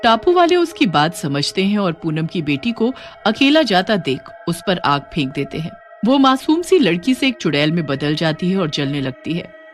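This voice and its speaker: A woman narrating a cartoon horror story in a soft, steady voice. Faint music plays behind her. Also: on the low side.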